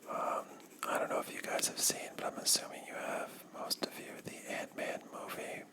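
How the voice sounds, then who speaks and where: A YouTuber whispering softly and slowly into a close microphone while chatting through a coloring session, with pauses and drifting thoughts. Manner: soft unvoiced whisper, slow and drifting. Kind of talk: whispered ASMR coloring chat.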